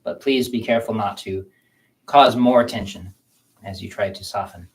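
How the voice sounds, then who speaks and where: A man with a fairly low voice leads a qigong self-massage session. He speaks slowly and gently, calmly guiding the listener's attention through the practice. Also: poor audio. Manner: slow, calm, gentle guiding talk. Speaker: qigong teacher. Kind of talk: guided self-massage instruction.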